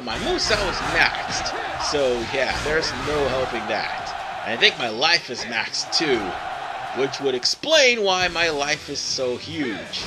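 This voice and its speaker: Over video game music, a weary gaming video host gives a loose, meandering let's play commentary, often correcting himself mid-thought. His voice is mid-range, captured on a low-quality recording.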